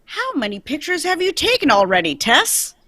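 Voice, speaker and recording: A woman playing Dick Tracy, a brisk male police detective, in a 1940s-style radio drama read. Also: high-pitched, wildly swooping pitch, sharp tone, no room sound, full character voice. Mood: matter-of-fact.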